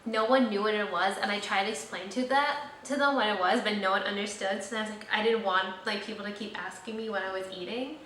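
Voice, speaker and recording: A young woman chats casually on her vlog, rambling with many fillers in a medium-pitched, steady and fairly bright voice. She talks quickly with few pauses. The sound is echoey, with a slightly distant mic and faint noise.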